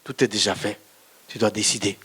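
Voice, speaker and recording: In a church setting, a pastor whose first language is something other than French recounts his testimony as a story and addresses the audience directly. His male voice is fairly low and steady, brisk in pace, a bit bright, and husky.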